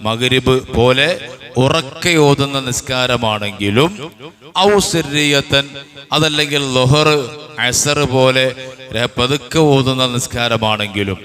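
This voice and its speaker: Man, Kerala Malayalam accent, religious teacher, very slow delivery, bright tone, repeats and self-questions. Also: mid-range voice. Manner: slow, repeats points, asks and answers his own questions. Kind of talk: Islamic jurisprudence lesson.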